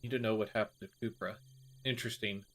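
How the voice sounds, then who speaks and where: A man's voice: on the low side, steady tone, quick pace, a bit bright. A man playing a game and reading its text aloud in a tired mumble, with a noise gate chopping off the ends of his words as he leans back from the mic. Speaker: let's play gamer. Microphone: desk mic with a noise gate.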